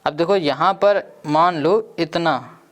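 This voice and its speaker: A man's voice: a little high, slow. A man teaching a maths lesson online, working through each step aloud and asking his students questions as he goes. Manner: talks through steps, asks students questions.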